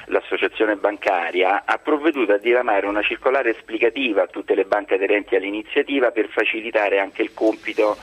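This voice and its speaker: Deep-voiced man on a landline phone. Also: slightly rough. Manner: measured, formal, careful. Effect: over a landline phone. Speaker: guest expert on the phone. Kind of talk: explaining rules on a radio call-in. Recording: dull lo-fi phone line.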